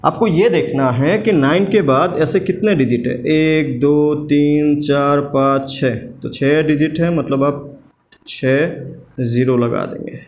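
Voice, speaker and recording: A man's voice: on the high side, a little slow, hardly any pauses, darkish tone. A man teaching a maths lesson, patiently asking questions and answering them himself, repeating each step and mixing English terms into his talk. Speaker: maths tutor.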